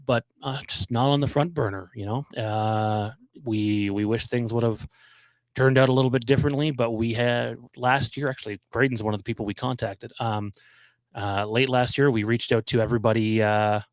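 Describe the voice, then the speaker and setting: A man hosting a live stream in casual chat, his voice nasal and hoarse from a cold, talking haltingly with many ums and restarts. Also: fairly low pitch, no echo. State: losing his voice. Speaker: livestream host.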